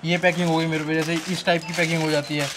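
A young man who owns a wholesale shop, quoting prices in a quick, matter-of-fact way, recorded indoors on a lapel mic. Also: fairly high pitch, flat delivery, background noise. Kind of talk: casual sales talk.

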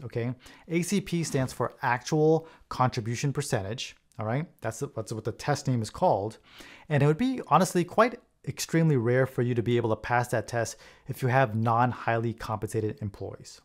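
Male accountant, 30s, measured to-camera explainer, frequent check-in "okay?", small home office. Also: medium pitch, a little mellow. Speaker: accountant explaining tax rules.

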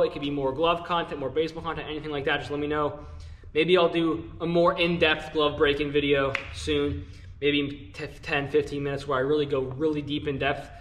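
A man's voice: on the high side, fairly bright tone. A young man, out of breath, chatting casually to viewers while showing them how to do something. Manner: chatty, instructive, addresses viewers as guys. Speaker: glove channel host. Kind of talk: casual vlog talk to camera.

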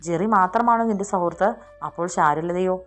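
A woman's voice: fairly low pitch, a little fast, lightly acted. A woman voicing a possessive young male boss who teases and snaps with jealousy in a romantic audiobook story, with faint music behind. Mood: jealous. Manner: teasing, sly, jealous.

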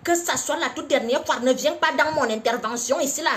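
A woman's voice: high voice, a little fast. A woman giving mock-solemn, teasing comic advice in a live-streamed monologue, talking into a phone.

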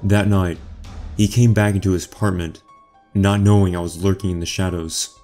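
A man narrating a horror story in the first person, quiet, measured and menacing. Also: deep voice, steady tone, soft background music.

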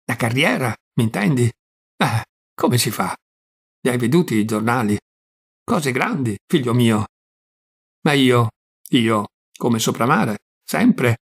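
A man voicing a flustered, kindly old aunt with a gravelly, husky voice who frets and fusses tenderly. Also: mid-range voice, big pitch swings, slow pace, long pauses, exaggerated voice. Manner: fretful, fussing, tender.

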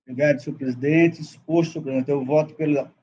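A man, the rapporteur councilor, reading a formal case report and vote in a halting way, with restarts, over a video call. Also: a little high, steady tone, mellow, highs cut off.

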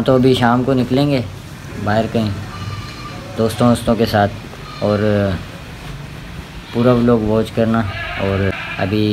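A young man from Pakistan chatting casually to viewers while he films himself on a phone, at home and then out at night with friends. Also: low-quality recording. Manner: casual, addresses viewers as guys, drops into a low mumble. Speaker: vlogger. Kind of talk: casual vlog narration. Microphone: phone camera held by the speaker. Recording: loud background noise from traffic and street. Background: car and street noise.

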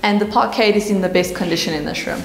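A woman's voice: medium pitch, fast. A young woman, chatting lightly as she tours an empty old house with her partner. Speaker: co-host, fiancée. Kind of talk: casual walkthrough chat. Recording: echoey empty rooms, light music.

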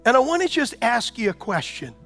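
A man preaching as a pastor, talking conversationally with repeated rhetorical questions and building to loud proclamations. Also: very high-pitched, very animated, brisk, faint music behind. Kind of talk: sermon.

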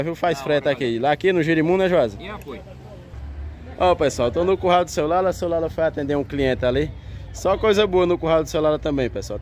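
A livestock fair vlogger from Pernambuco, speaking with a Northeastern Brazilian accent, films outdoors on a handheld phone from behind the camera. His fairly high voice carries chatty, folksy running commentary with greetings to viewers, and he repeats phrases.

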